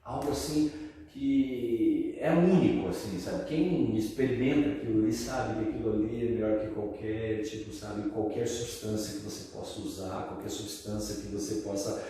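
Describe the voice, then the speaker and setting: A man's voice: on the low side, moderate pace, warm tone, a little hiss or hum. Brazilian man, echoey distant hall. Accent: Brazilian Portuguese. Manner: slangy, full of fillers like cara and sabe. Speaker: testimony speaker. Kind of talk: personal testimony, casual storytelling.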